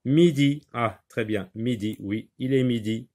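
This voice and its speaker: A man's voice: on the low side, steady tone, measured pace, darkish tone. A man teaching a reading and handwriting lesson, patiently talking the class through each step.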